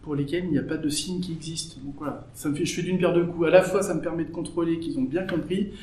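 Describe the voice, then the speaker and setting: A man's voice: on the high side, quick pace, darkish tone. A man teaching at a bilingual school, explaining his methods step by step with many fillers in an interview. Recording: echoey room, faint ambience.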